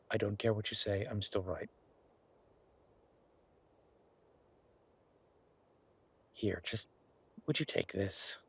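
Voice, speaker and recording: A man takes the role of an affectionate, keen chef boyfriend in a romantic audio roleplay, his lowish voice husky as he teases and earnestly rambles in his own defense. The mood is playfully stubborn.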